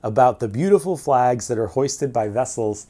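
Mellow-voiced teacher explaining. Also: male voice, medium pitch, expressive, moderate pace. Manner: clear, methodical explaining with occasional fillers. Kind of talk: educational explainer video. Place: indoor room before a whiteboard and framed ship painting. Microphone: camera at medium distance.

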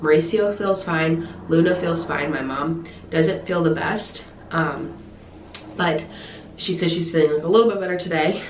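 Woman, vlogger, congested, lowish voice, rambling casual chat, noisy background. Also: moderate pace, roomy sound. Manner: chatty, rambling with many fillers. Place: car, then home.

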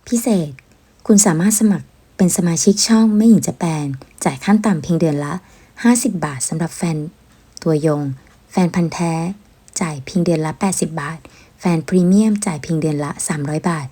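A woman reads a brisk membership promo in a husky, lowish voice. Her tone is dark and a little breathy, with a salesy, announcing manner. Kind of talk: channel membership promo read.

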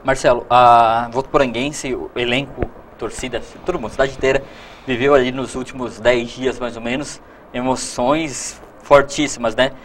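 Sports show host asking long questions. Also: male voice, medium pitch, fairly even intonation, moderate pace, a little hiss or hum. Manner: long, loosely built questions. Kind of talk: studio TV interview. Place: TV studio set.

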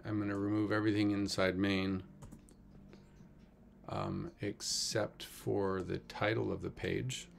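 A man's voice: fairly low pitch, little pitch movement, a little slow, creaky, a little hiss or hum. A man teaching a coding tutorial in a casual, wry way, thinking aloud with many fillers. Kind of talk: screen-recorded coding tutorial.

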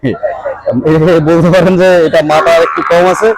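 Chatty market vlogger, slightly high voice. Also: male voice, little pitch movement, fairly quick, noisy background. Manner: chatty, addresses viewers directly, haggles over prices. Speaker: vlogger touring a cattle market. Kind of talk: walking market vlog, asking sellers prices. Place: outdoor rainy muddy cattle market. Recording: outdoor market crowd behind. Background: crowd chatter and rain.

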